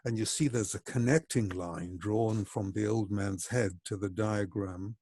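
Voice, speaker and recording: A man with a low voice gives a reflective lecture in a measured, explanatory way. His tone is husky and mellow. The sound is dry and close. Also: dry recording. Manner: measured and explanatory, slowing for emphasis.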